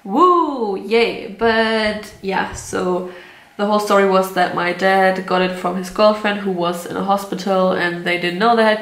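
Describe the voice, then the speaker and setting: Talking casually to camera from an indoor room at home, this young woman from Germany speaks with a mid-range pitch and an easy, unguarded style. She's in her twenties, a native German speaker who laughs often and drops the odd curse, and her voice echoes around the roomy space.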